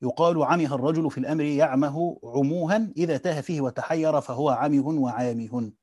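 A man with an Egyptian accent teaching a relaxed study lesson, asking himself questions and answering them, mixing colloquial and classical speech. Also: a little high, brisk, dry recording, clean studio sound. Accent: Egyptian Arabic. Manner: mixes dialect with classical Arabic, rephrasing as he goes. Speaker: teacher reading and explaining a classical Quran commentary.

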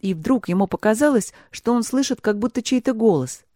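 A narrator reading a fairy tale aloud in an even, measured storytelling manner. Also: medium pitch, no room sound, clean studio sound. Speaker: audiobook narrator.

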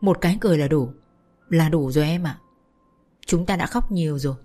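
A woman reading a story aloud, voicing a gentle, heartbroken young man who speaks in sorrowful, resigned tones. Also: sits low, a little fast, faint music behind. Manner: sorrowful, choked pleading.

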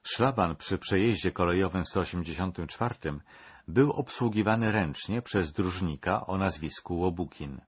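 A man narrating a scripted documentary in a measured, dramatic storytelling manner. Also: low voice, breathy edge, muffled recording.

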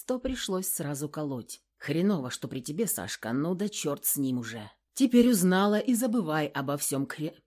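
A woman reading a first-person novel aloud, telling it in a coarse, sardonic way. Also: deep voice. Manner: lively, coarse, sardonic storytelling. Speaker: audiobook reader.

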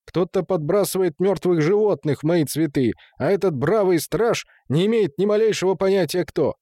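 A man's voice: on the high side, expressive, moderate pace, a little mellow, dry recording, clean studio sound, close to an everyday voice. A man reading an audiobook, voicing an irate middle-aged husband who scolds and blusters. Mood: angry scolding. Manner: scolding, indignant. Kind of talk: audiobook character voice.

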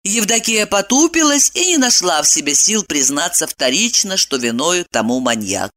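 Expressive woman narrating an audiobook. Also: on the low side, moderate pace. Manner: expressive, wide-ranging delivery.

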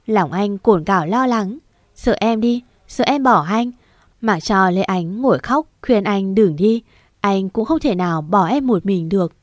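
Woman voicing a tender young husband, gentle and reassuring, mid-pitched, dry recording. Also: animated, measured pace, dry recording, close to an everyday voice.

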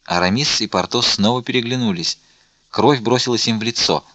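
A man narrating an audiobook in a steady, clear reading. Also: medium pitch, brisk, dry recording. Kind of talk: scripted narration.

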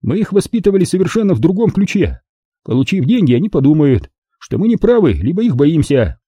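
A man's voice: fairly high pitch, big pitch swings, a little fast, dark tone, breathy edge, dry recording, dull audio, pitched above the performer's own voice. A man voicing an earnest young lifeguard who argues firmly. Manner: earnest, firm.

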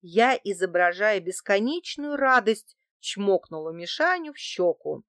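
A woman narrates a crime novel in the first person, steady and even in a middle register. The sound is dry and close to the mic, with no room echo. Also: mid-range voice, unhurried, smooth. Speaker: audiobook narrator.

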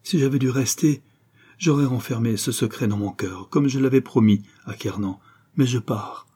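A man's voice: mid-range voice, normal speed, dark tone, husky, natural voice. A man voicing a fervent young nobleman declaring his love and vowing to set out, declaiming with a raised voice.

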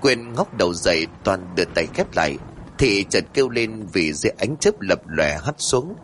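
A man narrating a horror story in a suspenseful, measured way. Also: fairly low pitch, sing-song, a little hiss or hum.

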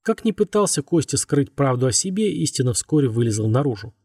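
Guy reading a horror audiobook, dark husky voice, dry close sound. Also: mid-range voice, sing-song, fairly quick, no echo. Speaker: audiobook narrator. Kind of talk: scripted horror narration.

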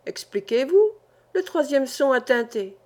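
A kindly older village priest from a classic novel, read by a woman. He speaks in a measured, patient way with a mild questioning lilt. The voice sits fairly high. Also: sing-song, darkish tone, full character voice. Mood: calm.

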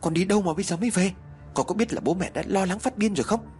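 A man voicing a worried, sharp-tongued middle-aged mother in a spooken horror story. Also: medium pitch, sing-song, quick pace, faint music behind, lightly acted. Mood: scolding. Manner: sharp, scolding, then secretive. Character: anxious scolding middle-aged village mother.

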